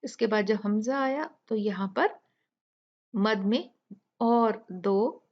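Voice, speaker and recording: Slow, patient woman teaching tajweed. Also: a little high, muffled recording. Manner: patient, explains step by step and repeats examples slowly. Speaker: Quran recitation teacher. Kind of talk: tajweed tutorial with recited examples.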